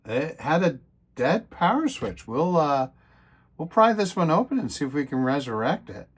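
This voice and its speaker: A man talking casually to camera while testing and repairing old computers, thinking aloud with lots of fillers and getting excited when things work. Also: on the high side, normal speed, breathy edge. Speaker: retro computer repair vlogger. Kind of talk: casual hands-on repair commentary.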